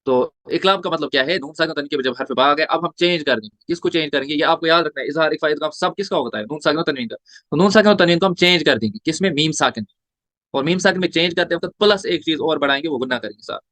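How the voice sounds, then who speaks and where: A Quran recitation teacher gives a tajweed lesson, spelling out letters and vowel marks one at a time and posing questions he then answers himself. His voice is a little high, fast and slightly bright, and the recording is dry.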